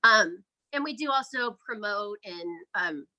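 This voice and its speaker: In a low-quality recording, a woman who makes indie horror films and podcasts chats enthusiastically as an interview guest promoting her projects in a casual way. Her mid-range voice is expressive, pushed, and bright, and she takes her time.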